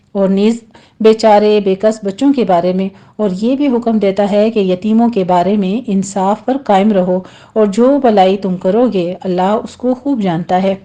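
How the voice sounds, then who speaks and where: In a warm, mid-range voice, a woman leads a tajweed lesson on Quran recitation. She goes step by step, patiently explaining every sound and demonstrating how to pronounce it correctly.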